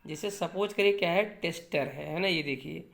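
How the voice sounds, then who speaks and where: A man's voice: fairly high pitch, moderate pace, creaky, fairly bright tone. A man teaching English grammar in a lecture style. He keeps asking rhetorical questions and answering them himself, checks in with his listeners and repeats key points for exams. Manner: mixes English grammar terms into Hindi.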